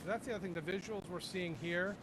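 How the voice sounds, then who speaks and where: A male co-host chats enthusiastically on a livestream panel, his voice sitting a bit high for a man. He rambles warmly through fillers and restarts. A faint noise sits under the recording. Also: fairly even intonation, fast. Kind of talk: casual panel chat.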